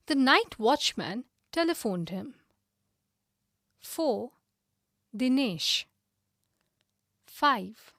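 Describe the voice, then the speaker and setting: A woman reads numbered textbook sentences slowly and clearly. Her voice sits high, and the recording is dry and close. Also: fairly bright tone, no room sound. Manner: clear, evenly paced reading. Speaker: reader of exercise items. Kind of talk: scripted textbook reading.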